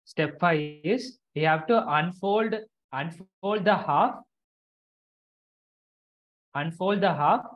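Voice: medium pitch, takes it slowly, long pauses. A teacher explaining a craft to children step by step in an online class, repeating instructions and checking they follow. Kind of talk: live instructional lesson. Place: online video call. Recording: dull lo-fi video call audio.

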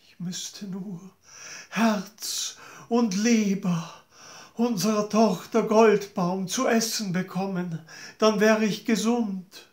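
A man's voice: sits high, fairly even intonation, takes it slowly, pitched above the performer's own voice. A man voicing a vain, jealous queen who sighs and pleads plaintively, in a storybook tale. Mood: scheming. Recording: roomy echo.

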